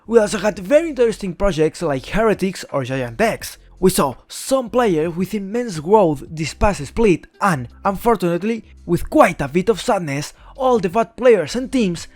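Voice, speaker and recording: A young adult YouTuber from Spain, speaking with a Spanish accent, gives blunt, opinionated scripted commentary on esports teams. His voice is high with a darkish tone and no room sound.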